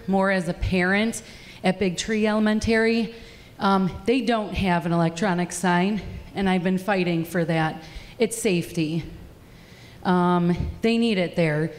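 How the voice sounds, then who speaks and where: A woman, a school board member and parent, making an earnest comment at a public meeting. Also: medium pitch. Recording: long hall reverb.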